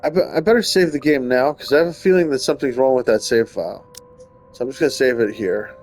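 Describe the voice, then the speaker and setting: Talking fast in a medium-pitched, darkish voice, a streamer reads a visual novel's narration aloud and mixes in wry, sarcastic remarks as casual let's-play commentary. Game background music runs underneath.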